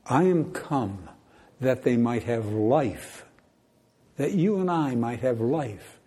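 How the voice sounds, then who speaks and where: An older man preaching a sermon in a church, earnest and emphatic, with questions that rise in pitch. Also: expressive, takes it slowly, warm tone, breathy edge.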